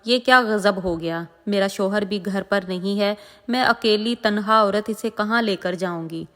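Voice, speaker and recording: A woman's voice: mid-range voice, fairly bright tone, close to an everyday voice. Woman voicing a grieving, pleading mother. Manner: pleading, lamenting. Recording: long echoing reverb.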